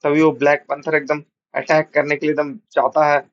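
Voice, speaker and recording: Guy narrating a comic recap, flat and kinda high, muffled sound. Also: no room sound. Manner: colloquial, repetitive, rushed retelling. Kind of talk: storytelling recap.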